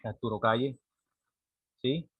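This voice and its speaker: A man's voice: medium pitch, takes it slowly, slightly rough, no room sound, phone-quality sound. A man, giving a classroom lecture and often checking in with a rhetorical "right?". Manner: explanatory, frequent rhetorical "¿cierto?" checks. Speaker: teacher.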